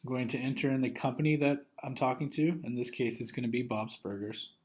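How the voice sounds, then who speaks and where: A man with a mid-range voice narrates a software training video, moving briskly and methodically through the instructions step by step like a trainer. There's a little hiss or hum in the recording.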